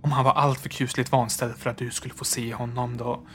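A man reading aloud and voicing a weary old father who speaks gently but hesitantly and trembles. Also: mid-range voice, level tone, a little hiss or hum, close to an everyday voice. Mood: shaken. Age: older.

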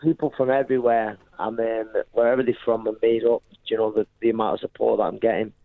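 A man's voice: fairly low pitch, little pitch movement, fast talker, gravelly. Tinny phone-line Mancunian man, interviewed. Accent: Manchester, English. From Manchester, England. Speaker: professional boxer being interviewed. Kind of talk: casual radio interview. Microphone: phone call.

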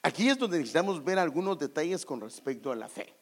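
Male pastor, high voice, very lively delivery, sermon to the congregation. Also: fast talker. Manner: animated preaching, addresses congregation as brothers; acts out quoted voices, rising to loud emphatic peaks.

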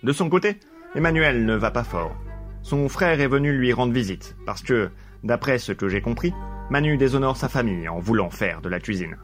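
A man's voice: mid-range voice, expressive, normal speed. A man playing an eccentric, self-important father who fancies himself a detective, leaving a rambling voicemail. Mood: indignant. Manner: rambling, pompous, absurdly earnest monologue. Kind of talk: comedic voicemail sketch. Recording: music playing underneath.

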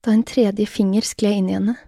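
A woman narrating an erotic audio story in a soft, often whispered voice, recorded on a close mic. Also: medium pitch, fairly even intonation, dry recording.

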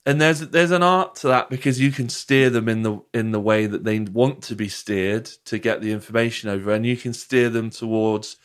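A man's voice: mid-range voice, steady tone, moderate pace, few pauses, clear, resonant tone. A British man talking casually and conversationally as a podcast host.

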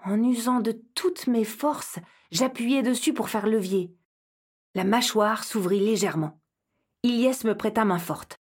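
A woman narrating a children's audio story in the first person, lively and expressive, with a slightly husky voice. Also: on the high side, measured pace.

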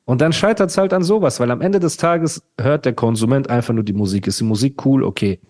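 A man co-hosting a podcast in casual chat, talking in an animated, slangy way and often calling his co-host "Bruder". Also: medium pitch, a little fast.

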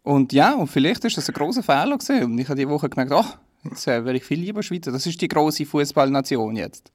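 Young Swiss German man, slightly high voice, dry self-deprecating chat. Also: sing-song, fast, no echo. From Switzerland. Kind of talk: casual chat.

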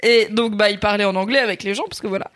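A woman from Alsace co-hosting a podcast, telling stories in a lively, teasing casual chat. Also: medium pitch, quick pace. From Alsace, France. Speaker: podcast co-host.

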